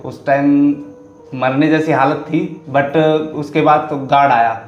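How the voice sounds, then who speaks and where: A man being interviewed on a podcast, telling his story in an earnest, halting way. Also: a little high, steady tone, echoey room, highs cut off. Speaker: podcast guest.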